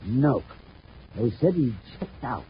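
A man's voice: mid-range voice, expressive, takes it slowly, heavy background noise. An actor playing a fretful male performer whose pet mouse went missing, in an old radio drama. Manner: fretful, insistent. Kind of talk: 1950s radio drama acting. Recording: dull old radio recording.

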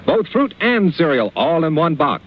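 A man's voice: fairly high pitch, very animated, normal speed, highs cut off. A man reading a radio commercial in an emphatic salesman's manner, heard from an old broadcast disc transcription. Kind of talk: scripted ad read.

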